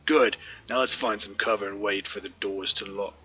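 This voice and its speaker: A man's voice: fairly low pitch, fairly even intonation, moderate pace, sharp tone, slightly rough, full character voice, rough recording. A man reading out the lines of a terse, grim male mercenary leader from a video game, in a plain, matter-of-fact way.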